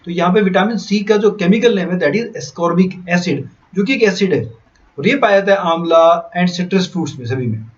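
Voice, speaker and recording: A man's voice: high-pitched, animated, a little slow, dull audio. A man teaching a science class, going down a list and asking the class questions. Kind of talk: classroom lecture in Hinglish.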